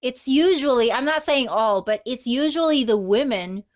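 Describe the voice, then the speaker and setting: A woman's voice: high voice, expressive, normal speed. A woman co-hosting a podcast in casual chat, laughing often as she talks. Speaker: podcast co-host.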